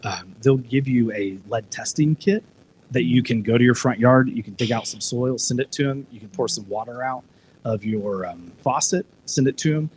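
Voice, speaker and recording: A man's voice: medium pitch, moderate pace, darkish tone, a little hiss or hum, rough recording. A man speaking casually at a live discussion event, retelling a TV episode with lots of restarts and filler words. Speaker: discussion panelist.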